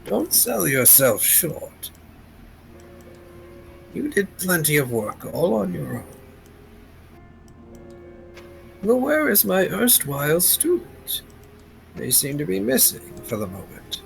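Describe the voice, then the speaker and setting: A man's voice: high-pitched, wildly swooping pitch, a little slow, gravelly, soft background music, pitched above the performer's own voice, full character voice. A man voicing a wise, courteous old psychic mentor creature in a tabletop role-play, speaking in formal, scholarly phrases. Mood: kindly, inquiring. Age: older.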